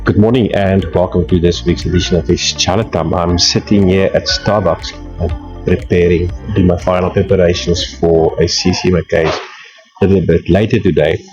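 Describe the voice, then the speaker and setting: A very low, thick voice from a middle-aged man, husky and congested from a flu. He talks through a work case in a relaxed, explaining way and asks the listener rhetorical questions. The recording sounds dull and muffled, made in a coffee shop. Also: normal speed, soft background music. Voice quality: deep, husky from a cold. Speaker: podcast host. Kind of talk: casual talk to camera.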